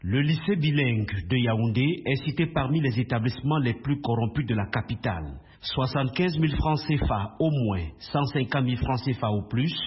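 A man reporting as a radio correspondent, in a steady, formal news voice. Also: mid-range voice, moderate pace, husky. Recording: dull, lo-fi radio sound.

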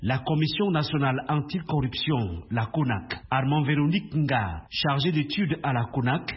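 A man reporting as a radio correspondent, in a steady, formal news voice. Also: medium pitch, moderate pace, husky. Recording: dull, lo-fi radio sound.

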